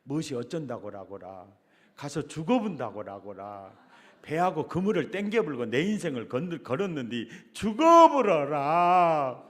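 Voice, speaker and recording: A man's voice: a little high, sing-song, moderate pace, a bit bright. Man doing an indignant Jeolla fisherman. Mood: protesting. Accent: Jeolla dialect. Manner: indignant, pleading protest. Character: protesting middle-aged fisherman disciple, stubborn.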